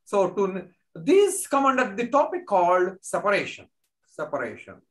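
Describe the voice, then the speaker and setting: Male lecturer, Indian accent, animated intonation, halting dictation-like delivery with repeated phrases. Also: sits high. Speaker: mathematics lecturer. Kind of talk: unscripted math lecture.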